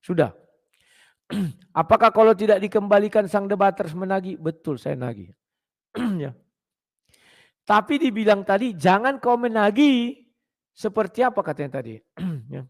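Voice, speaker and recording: Throat-clearing man preaching bluntly, gravelly. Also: high voice, expressive, unhurried, long pauses. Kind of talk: casual preaching talk to viewers.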